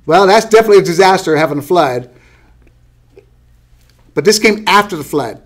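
A man's voice: high voice, lively intonation, moderate pace. A middle-aged man teaching a Bible study lesson to a small class, conversational, putting questions to his listeners. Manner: conversational, asks the class questions, light laughs.

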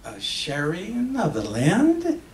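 A middle-aged man whose voice sits high reads a dramatic monologue from a script on a theater stage, standing at a podium. He shifts between English and Spanish, emphatic and expressive, pausing with intention at the stand-mounted microphone. The sound is distant and reverberant, with a faint hum of noise.

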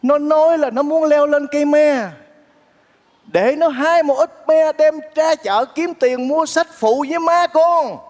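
A gentle, earnest bachelor neighbor on stage. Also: male voice, extremely high pitch, a little slow. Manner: soft, coaxing, earnest. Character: kind-hearted bachelor neighbor man, gentle and pleading. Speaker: comedy stage actor. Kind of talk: stage comedy acting. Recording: reverberant theater stage, faint music.

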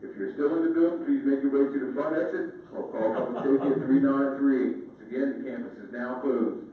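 Guy on the building pa making an official closing announcement, tinny loudspeaker sound, super echoey, far away from the mic. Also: medium pitch, fairly even intonation. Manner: measured, repetitive, official. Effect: public address loudspeaker announcement. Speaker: campus announcer. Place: conference hall, heard over building speakers.

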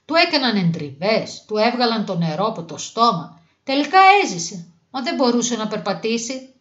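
A woman reading a children's fairy tale aloud in a gentle, even storybook manner. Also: a little high. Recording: dull lo-fi recording.

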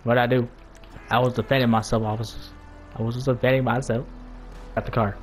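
A man's voice: mid-range voice, flat delivery, fairly quick, soft background music. A man giving casual, joking gameplay commentary, swearing a lot and laughing as he plays. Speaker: gamer.

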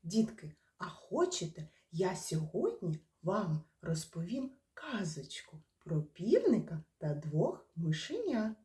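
A woman, a kindergarten teacher, talking slowly and gently to young children in class, encouraging them. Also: lowish voice, big pitch swings. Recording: echoey room from far off.

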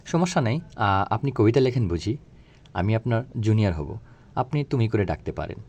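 A man's voice: fairly low pitch, lively intonation, moderate pace, a little mellow, lo-fi sound, slight background noise, pitched above the performer's own voice. A man voicing a young woman who gives short, teasing replies in a recited phone drama. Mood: shy.

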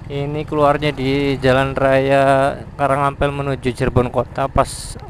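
A man's voice: mid-range voice, completely flat delivery, a little slow, rough recording. A man giving casual commentary while riding a motorcycle, thinking aloud and reading roadside signs as he passes. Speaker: motovlogger. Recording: outdoor wind and engine noise. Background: motorcycle engine and traffic.

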